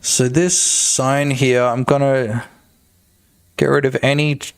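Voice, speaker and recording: A man with a mid-range, level voice and clean tone streams his game development work at a slow pace. He chats casually and jokes with his viewers, talking directly to chat as he works.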